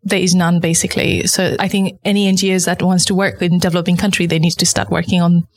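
A woman's voice: fairly low pitch, flat delivery, fast talker. Woman from nepal, talking earnestly in an interview, lots of "like". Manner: earnest, explanatory, frequent "like" fillers. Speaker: guest, founder of a menstrual product. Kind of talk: conversational interview.

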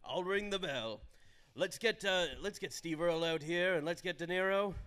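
A man's voice: high voice, normal speed, fairly bright tone. A man in improvised comedy playing a nervous, deferential mayor's aide and fight promoter who stammers. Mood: businesslike. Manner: stammering, hesitant.

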